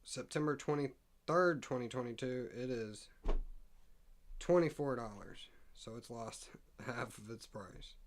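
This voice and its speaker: A medium-pitched man speaking at a measured pace reads stock prices and figures off the screen on his casual live stream, thinking aloud as he goes. His reading is full of stumbles and asides, punctuated by hiccups.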